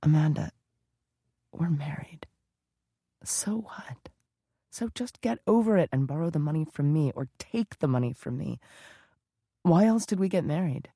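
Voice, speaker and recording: A man voicing a gentle, patient British husband who speaks quietly and soothingly. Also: fairly high pitch, animated, unhurried, pauses often, no room sound, clean studio sound, pitched above the performer's own voice.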